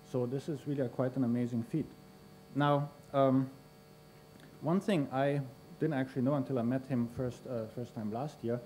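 Man from Austria, middle-aged, podium introduction, mellow tone, faint hiss. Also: medium pitch, rough recording. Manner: hesitant, many fillers. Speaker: conference host introducing a speaker. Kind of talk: formal introduction. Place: university lecture hall. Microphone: podium mic.

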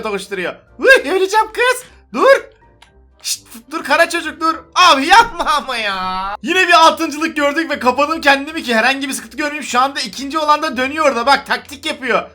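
Gaming YouTuber, male, very high and bright voice, excitable and teasing, music underneath. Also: brisk. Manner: excitable, teasing, chatters to other players. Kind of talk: gameplay commentary.

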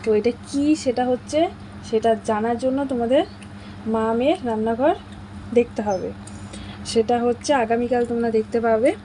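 A woman's voice: on the high side, normal speed, pauses often, mellow, a little hiss or hum. A young woman, casually narrating daily chores in a family vlog. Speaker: vlogger.

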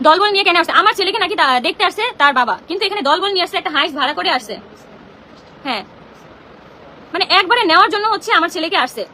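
Fast, high-pitched, indignant young woman. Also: expressive, sharp tone, slight background noise. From Bangladesh. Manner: agitated, indignant, rapid-fire and confrontational. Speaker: social media content creator. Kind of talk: heated live-stream rant. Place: home.

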